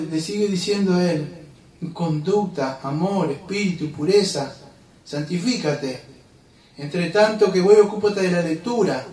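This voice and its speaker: Preacher man, high voice, fervent and emphatic, recorded from across a roomy church hall. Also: far from the mic. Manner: fervent preaching, rising to emphatic outbursts and dropping to quiet asides. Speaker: pastor. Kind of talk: sermon.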